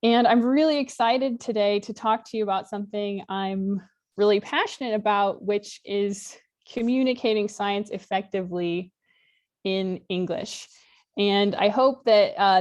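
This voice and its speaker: A woman's voice: medium pitch, darkish tone. A woman in her thirties from Alaska giving an informal online lecture on a video call, talking in a friendly, conversational way with occasional fillers. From Alaska, United States. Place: home room with virtual background. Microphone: laptop webcam mic on a video call.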